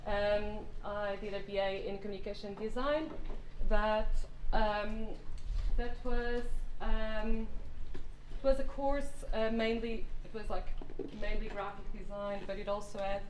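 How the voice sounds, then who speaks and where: Speaking a little slowly and in a steady tone, this thirty-something woman from Portugal delivers a guest lecture in a mid-range voice with a Portuguese accent. She often restarts and uses fillers, and some phrasing sounds slightly non-native. Faint noise drifts through the roomy lecture hall.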